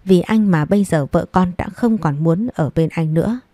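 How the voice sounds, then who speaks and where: A woman reading a family story aloud in an even storytelling manner. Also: on the low side, moderate pace, dry recording. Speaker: story narrator. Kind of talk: scripted narration.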